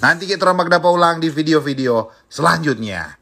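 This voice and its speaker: A man's voice: fairly high pitch, animated, a little fast, bright, forceful tone. A man with a Manado Malay accent from North Sulawesi, chatting casually and playfully to viewers as a food vlog host, talking while chewing. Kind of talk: casual mukbang chat to viewers.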